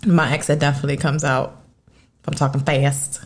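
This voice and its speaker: A woman, from the United States with Dominican parents, co-hosting a podcast in casual, animated chat and acting out the people she quotes. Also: deep voice, a little fast. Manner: animated, laughs often, acts out quoted people. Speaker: podcast co-host.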